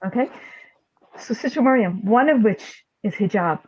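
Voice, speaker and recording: A woman hosting a podcast, making her points in a measured, formal way. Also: a little high, animated, darkish tone, husky, no room sound. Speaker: podcast host. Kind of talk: podcast discussion. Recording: dry, dull lo-fi audio.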